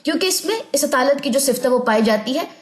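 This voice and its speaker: A woman teaching an online recitation lesson, explaining patiently and drawing out words slowly as she demonstrates. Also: sits high, animated, roomy sound. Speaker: tajweed teacher.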